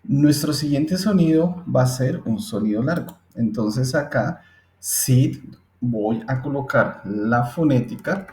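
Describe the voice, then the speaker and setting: A male teacher explains a lesson in a slow, patient way, often checking in with his listeners. His voice is mellow and low-key. The recording has a roomy echo. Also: animated. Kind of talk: screen-recorded English phonetics lesson.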